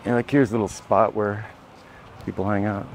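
A man whose voice is on the low side talks at a moderate pace while walking by a beach and on dirt roads, recording his travel vlog first-person on a handheld camera. There's a little hiss or hum, and his easygoing commentary rambles and keeps correcting itself.

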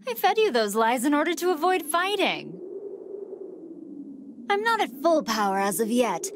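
Android 21, haughty high-voiced villainess. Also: female voice, big pitch swings, normal speed, noisy background. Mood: cold, condescending. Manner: condescending, cold, threatening. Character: haughty, menacing female android scientist villain. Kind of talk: video game voice acting.

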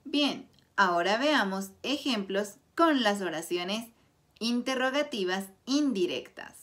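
A woman teaching a Spanish grammar lesson, explaining clearly and deliberately through example sentences. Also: mid-range voice, expressive, a bit bright. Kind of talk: slow scripted grammar lesson.

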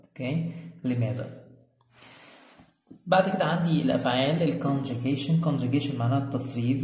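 An Egyptian man teaching an English lesson in a mellow, warm voice. He explains patiently, saying each word slowly and repeating it, then checks that everyone follows. The recording is roomy, with a long echo trailing his voice. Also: medium pitch. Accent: Egyptian Arabic. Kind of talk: classroom-style lesson explanation. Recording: echoey room with long reverb.

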